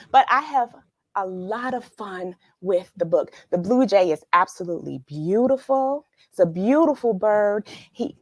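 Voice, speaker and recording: With a mid-range, somewhat dark-toned voice, a woman hosts a children's read-along at home, chatting casually and expressively with young viewers after the story and musing aloud as she speaks to them. The audio has no echo.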